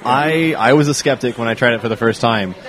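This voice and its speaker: A man's voice: medium pitch, brisk, fairly bright tone. A man hosting a casual podcast chat, upbeat and laughing often, talking in long runs. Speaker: podcast host. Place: outdoors at a brewery. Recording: noisy crowd behind. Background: crowd chatter.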